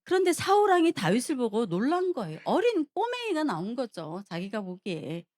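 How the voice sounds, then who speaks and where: A woman's voice: a little high, moderate pace. Woman preacher telling a story animatedly. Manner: animated storytelling, addresses the congregation with questions. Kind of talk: sermon.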